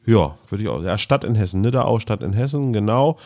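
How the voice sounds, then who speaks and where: This podcast co-host has a lowish, darkish voice and talks briskly and with animation. His easygoing casual chat includes storytelling and anecdotes.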